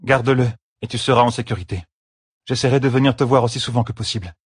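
A man's voice: medium pitch, quick pace, breathy edge, dry recording, studio quality, pitched above the performer's own voice, close to an everyday voice. A man reading an audiobook, voicing a dignified young warrior woman with a formal, ceremonious way of speaking. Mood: solemn.

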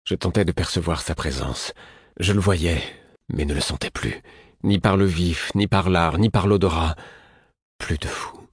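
A man narrating a first-person audiobook in a measured, somber way. His voice is very deep with a husky grain, recorded dry and close. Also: no echo.

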